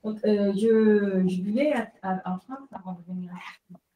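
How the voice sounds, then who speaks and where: A woman's voice: mid-range voice, measured pace, narrow, tinny audio. A woman from Canada in the audience asks a guest author a long, hesitant question. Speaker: audience member asking a question. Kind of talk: asking a question at a book talk. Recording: echoey room, distant from the mic.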